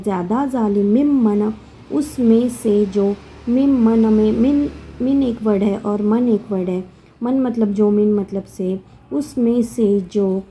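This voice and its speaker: A woman teaches a word-by-word Quran translation at a slow, patient pace. Her voice is mellow and dark, and she repeats each term and its meaning. A faint background noise runs under the recording. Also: on the high side, rough recording.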